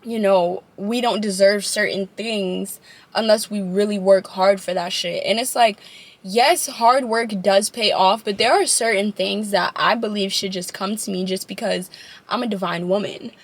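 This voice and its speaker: A woman's voice: medium pitch, steady tone, moderate pace. Laid-back young woman, stoner chat. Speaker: vlogger. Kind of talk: casual chat to followers. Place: inside a parked car, later a room at home.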